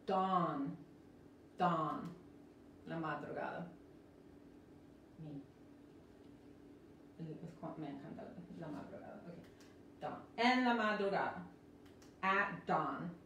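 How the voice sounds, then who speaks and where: A woman teaching a live-streamed English lesson, explaining slowly and repeating each word several times, with American English when she models words. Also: sits low, creaky, a bit bright, slight background noise. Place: indoor room, live stream. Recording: roomy echo from a distant mic.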